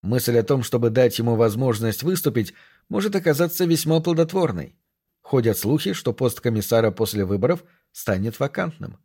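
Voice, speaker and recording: A man reading a thriller audiobook in a measured, even storytelling manner. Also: medium pitch, slightly rough. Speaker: audiobook narrator. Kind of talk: scripted narration.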